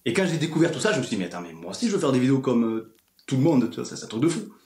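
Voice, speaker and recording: Speaking rapid-fire and very animated, this twenty-something ASMR creator from a small French village explains things informally while chatting as a podcast guest. He has a medium-pitched, darkish male voice. The recording has a roomy echo.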